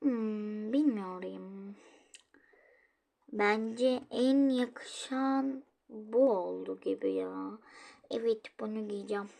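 A woman narrating a casual toy role-play, musing softly to herself in a half-whisper. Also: medium pitch, very slow, gravelly, pauses often.

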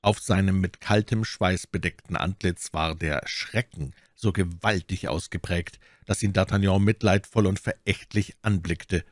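A man narrating a classic novel as an audiobook reader in a measured storytelling manner. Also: low voice, steady tone, dry recording, studio quality.

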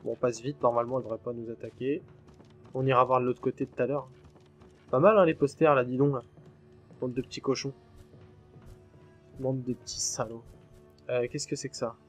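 A man's voice: mid-range voice, fairly even intonation, brisk, pauses often, soft background music. A man commenting on his own horror game playthrough in a chatty way, swearing freely and jumping at scares. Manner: chatty and jumpy, swears freely when startled. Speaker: gaming channel host. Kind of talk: let's play commentary.

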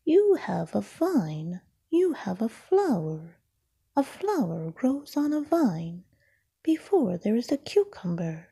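A woman voicing a wise old male owl from a storybook, hooting high before speaking in a soft, explaining way. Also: sing-song, takes it slowly, vocal fry, husky, exaggerated voice. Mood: hooting, instructive.

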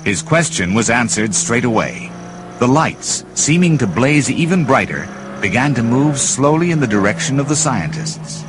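A man's voice: medium pitch, very animated, moderate pace, background noise. Man narrating a dramatic storybook. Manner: dramatic, vivid reading.

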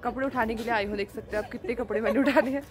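A woman's voice: a little high, fairly even intonation, racing, crowd noise. A woman vlogger with an Uttarakhand Hindi accent, chatting casually to her phone camera at home and on a rooftop. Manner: coaxing, sing-song baby talk to a sulking child. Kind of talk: casual vlog chat. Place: home and rooftop in hill country.

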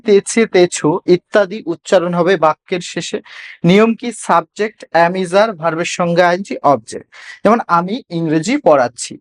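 A man with a Bengali accent giving a beginner English grammar lesson, asking rhetorical questions and slowing down to spell out examples. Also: high voice. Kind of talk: classroom-style grammar lesson.

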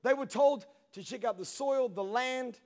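Man, 30s, pastor, very high voice, passionate sermon, hushed to shouting, handheld mic, big reverberant hall. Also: measured pace. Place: large church stage.

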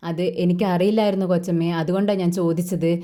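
A woman's voice: fairly low pitch, steady tone, quick pace, dark tone, natural voice. A woman voicing a timid young servant girl who pleads for forgiveness. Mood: pleading.

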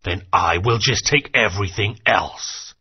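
An actor playing a menacing male dinosaur general who talks in a slow, threatening, gloating way with a raspy voice. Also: lowish voice. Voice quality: gravelly, raspy. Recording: dull lo-fi game audio.

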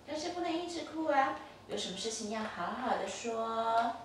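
A woman's voice: a little high, lively intonation, normal speed. A mother patiently coaching her toddler through play, repeating simple instructions over and over. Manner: patient, repetitive, gently instructive. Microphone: distant camera mic. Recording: echoey, distant, noisy home recording.

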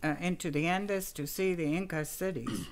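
A woman's voice: fairly low pitch, normal speed. An older woman, the host's mother, casually chatting and sharing facts about an artist's life. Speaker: podcast co-host, host's mother. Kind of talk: casual chat about art history.

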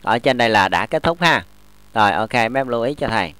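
A man, teaching English grammar in a classroom lesson, explaining slowly and often checking that students follow. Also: mid-range voice, lively intonation, bright, forceful tone, clean tone, no room sound. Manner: models English example sentences slowly.

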